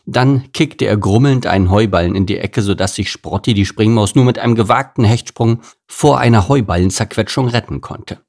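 Gravelly male storybook narrator. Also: on the low side, normal speed, few pauses, a little mellow. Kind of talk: storybook reading.

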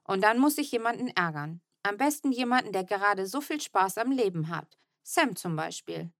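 A woman narrating a children's audiobook in an expressive, lively storytelling manner. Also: mid-range voice, moderate pace, no echo, clean studio sound.

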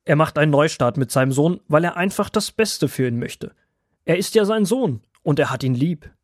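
A man's voice: a little high, animated, normal speed, no echo, studio quality. A man voicing an old grandfather woodworm who patiently explains things to his grandchildren in a children's audio drama. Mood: gentle.

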